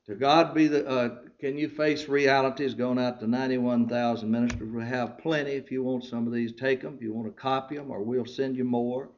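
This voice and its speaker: A man's voice: mid-range voice, fairly even intonation, brisk, hardly any pauses. Fervent man preaching, dull recording. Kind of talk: sermon to ministers.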